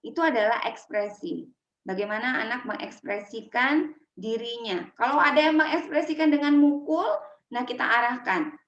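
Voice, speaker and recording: A woman teaching public speaking for children to parents in a lively workshop talk, demonstrating intonation as she explains. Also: fairly high pitch, moderate pace, roomy sound, highs cut off.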